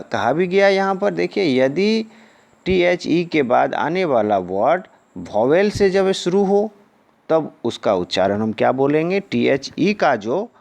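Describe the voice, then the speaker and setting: A male teacher giving a lesson. He asks the class questions, answers them himself with a low falling word, and drills pronunciation syllable by syllable. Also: vocal fry, a little mellow. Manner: sing-song, swooping intonation.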